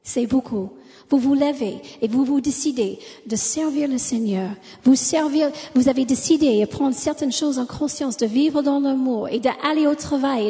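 A woman's voice: high-pitched, dark tone. A woman preacher with an American accent in French, a native English speaker, delivering a sermon punctuated with amens and hallelujahs. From United States. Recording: long hall reverb.

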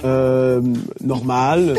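A man with a Québécois accent banters on a talk show in a dry, deadpan way. He hesitates often with fillers as he talks. Music plays clearly in the background. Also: medium pitch, very slow. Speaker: co-host. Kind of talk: casual banter.

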